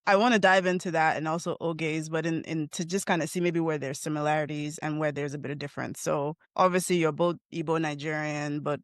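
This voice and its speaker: A woman's voice: low-pitched, steady tone, brisk, hardly any pauses, dry recording, studio quality. A woman hosting a podcast interview, chatty and teasing with her guests. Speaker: podcast host. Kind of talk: casual interview chat.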